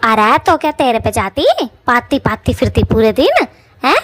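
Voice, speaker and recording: A woman's voice: lively intonation, normal speed, a bit bright, no echo. A woman doing a nagging bald witch. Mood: angry nagging. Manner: shrill bickering, insulting. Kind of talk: cartoon voice acting.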